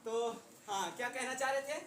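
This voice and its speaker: A man's voice: very high-pitched, moderate pace, fairly bright tone. A male teacher gives a chatty classroom lecture. He keeps quizzing his students with rhetorical questions. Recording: roomy classroom echo, faint noise.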